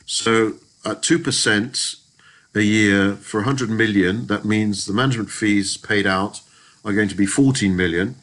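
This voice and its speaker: A man with a fairly low voice narrates a screen-recorded spreadsheet lesson. He works through each step methodically, pausing and restarting his phrases as he goes. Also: a bit bright, rough recording. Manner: methodical, explanatory, frequent restarts. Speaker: lecturer. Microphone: voice-over on screen recording.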